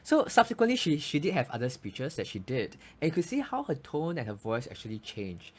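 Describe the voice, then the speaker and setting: Brief: male voice coach, animated melody, chatty explanatory delivery. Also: fairly high pitch, brisk, slightly rough. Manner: explanatory, frequent restarts and "you know". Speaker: voice coach and actor, guest. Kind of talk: casual interview chat.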